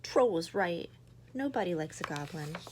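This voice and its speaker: A woman voicing a small, lonely male goblin who is loyal and soft-spoken, read in a storybook. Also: lowish voice, expressive, normal speed, slight background noise, natural voice. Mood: glum.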